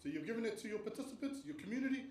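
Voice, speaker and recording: With a very high, expressive voice of darkish tone, a Tongan-raised man races through an academic panel presentation on research stages. He explains earnestly and leans on rhetorical questions, and the audio from the panel room is roomy and distant with a bit of noise.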